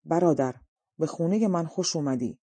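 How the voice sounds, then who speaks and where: Bossy dragon king bellowing orders, woman narrator doing him, mellow dry voice. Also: low voice, husky, dry recording. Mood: proclaiming. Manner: loud, commanding. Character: menacing male dragon king, blustering.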